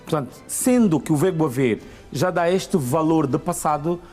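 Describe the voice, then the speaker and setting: A man's voice: a little high, normal speed, mellow, faint music behind. Patient Angolan man teaching grammar. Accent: Angolan Portuguese. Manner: patient, methodical, explains step by step. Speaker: Portuguese language teacher. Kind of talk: explaining grammar on a morning show.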